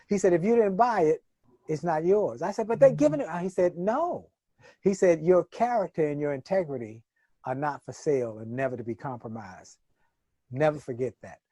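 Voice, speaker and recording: A middle-aged man tells stories in a rolling, preacher-like cadence, leaning hard on stressed words and repeating key phrases. His voice sits a little high for a man. The sound is close and dry. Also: a little mellow, no room sound. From Washington, D.C. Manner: emphatic, preacher-like cadence with dramatic stresses and repetition. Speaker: motivational speaker, interview guest. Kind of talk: conversational interview storytelling.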